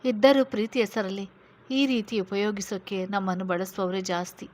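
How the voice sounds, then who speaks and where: A woman's voice: mid-range voice, steady tone, moderate pace, a little mellow, natural voice. A woman voicing a grieving young orphaned woman who pleads tearfully with an officer, calling him sir.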